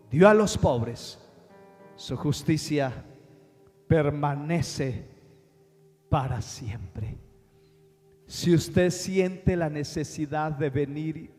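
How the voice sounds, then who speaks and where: A man with a Colombian accent, preaching a sermon with impassioned swings between slow, quiet lines and loud bursts. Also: on the high side. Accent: Colombian Spanish. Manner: impassioned preaching, dramatic slowdowns, sudden rises in volume. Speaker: pastor. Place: large church sanctuary. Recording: long hall reverb with faint music.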